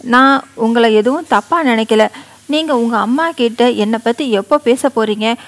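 A woman's voice: fairly high pitch, measured pace. Woman reading an anxious, pleading young wife. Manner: pleading, soft-spoken.

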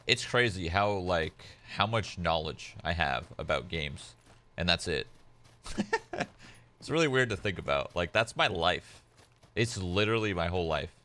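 His voice is low-pitched, expressive, and sharp, and he speaks a little slowly. He's a young man whose first language is Polish, casually chatting at home as a game streamer, laid-back and rambling with lots of "like."

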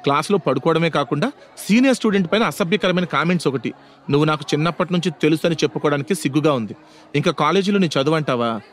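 A man's voice: fairly high pitch, fast, natural voice. A man doing a scornful young college woman. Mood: harsh. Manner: scornful, scolding. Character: proud sharp-tongued young college woman.

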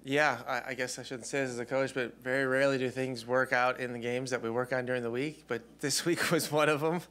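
A man in his forties, head coach at a postgame press conference, answering at a desk mic in a press room with measured, thoughtful replies and frequent ums. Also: medium pitch, steady tone, a bit bright. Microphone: desk mic on stand.

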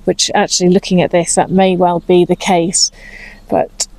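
Pruning as she talks, an English vlogger in her fifties chats to camera through a lapel mic in her cottage garden outdoors, a touch anxious. Her voice is on the low side and a little mellow, with a flat delivery at normal speed, captured in a rough recording.

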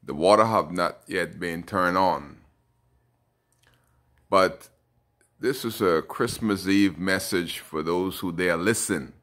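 A man's voice: sits low, fairly bright tone. An older Bahamian man in his late fifties, a local elected official, speaking emphatically and indignantly into a phone held close. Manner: indignant and emphatic, slow and deliberate. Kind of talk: direct-to-camera social media message. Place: bright indoor room. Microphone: phone held close, selfie framing.

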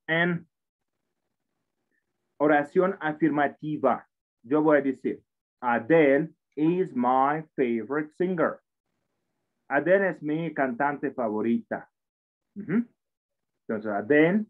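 Man teaching over a tinny line. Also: mid-range voice. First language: Russian. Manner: explanatory, frequent tag questions and restarts. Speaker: language teacher. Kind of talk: online English class taught in Spanish. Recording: tinny phone-like audio over a call.

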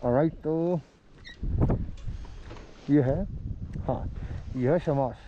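Slow-talking chatty male vlogger. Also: a little high, dull audio. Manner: chatty, addresses viewers as guys, mixes English into Hindi. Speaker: travel vlogger. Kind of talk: casual travel vlog narration. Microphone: action camera. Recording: noisy action-camera audio with vehicle sounds.

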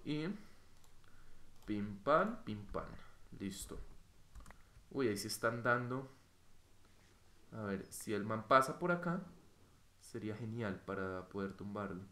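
Young Colombian man, gameplay commentator; sharp bright voice, roomy mic, jumpy and profane. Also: on the low side, slow pace, pauses often. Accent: Colombian Spanish. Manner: excitable, swears, bursts into yelps. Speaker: gaming youtuber. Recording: bright roomy home mic with faint noise.

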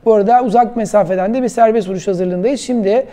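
A man giving excited, partisan football commentary from a studio, cheering for his own team. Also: high voice, quick pace. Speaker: football commentator on a club fan channel.

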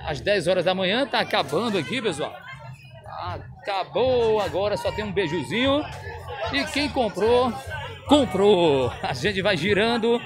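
A man's voice: high voice, noisy background. A man with a Northeastern Brazilian accent touring an outdoor street market for his vlog, chatty and laughing often as he calls out prices. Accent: Northeastern Brazilian Portuguese. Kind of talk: casual market walk-around vlog.

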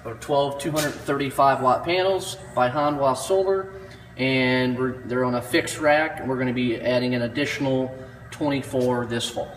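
A man's voice: medium pitch, moderate pace, in a large hall, a little hiss or hum. A man in his thirties, a solar installer, plainly walking through an off-grid battery and inverter system, with some fillers. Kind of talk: equipment walkthrough. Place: metal-walled pole barn.

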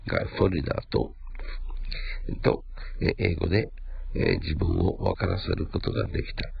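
Deep, gravelly man teaching English words. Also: dull audio. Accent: Japanese. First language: Japanese. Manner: repeats words slowly, spells them out letter by letter. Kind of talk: English vocabulary lesson.

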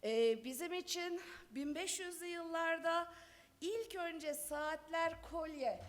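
Middle-aged woman at a lectern mic, high voice, chatty lecture, long hall reverb. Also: slow pace. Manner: chatty and conversational, with light laughter. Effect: speaking at a lectern microphone. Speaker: conference speaker, law professor. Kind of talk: conference talk. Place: large conference hall. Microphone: lectern microphone.

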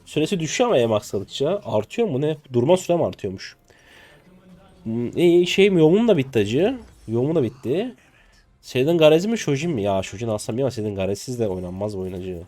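Excitable young man calling his game live. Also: brisk. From Turkey. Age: 20s. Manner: excitable, jokey, swears casually, bursts into high yelps. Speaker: streamer. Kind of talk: live gameplay commentary.

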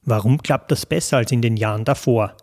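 A man, the podcast host, reading scripted narration in a clear, measured way. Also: mid-range voice, darkish tone.

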